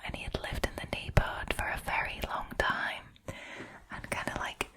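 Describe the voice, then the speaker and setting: A woman hosting a scary story channel retells paranormal encounters close to the microphone. She whispers softly and steadily, unvoiced the whole way through, never hurrying.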